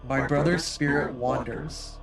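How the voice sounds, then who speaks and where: A man's voice: on the high side, fairly even intonation, a little slow, creaky, over music, low-quality recording. A man doing a mournful statue spirit through a voice changer. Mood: sorrowful. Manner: solemn, archaic phrasing. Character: sorrowful ancient female statue spirit. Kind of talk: game master voicing a character.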